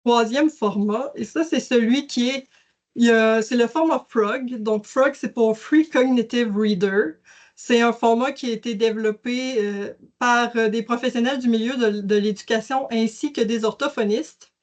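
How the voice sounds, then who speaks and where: A woman's voice: on the high side, moderate pace. A woman presenting a webinar, explaining a digital library in a casual way with many fillers and restarts. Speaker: educational services presenter. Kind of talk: webinar software demonstration.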